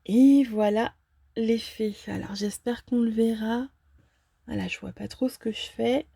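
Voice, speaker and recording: A woman casually unboxing and reviewing a fortune-telling card deck, talking hesitantly with many filler pauses. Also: a little high, fairly even intonation, creaky, warm tone, slightly rough, no room sound.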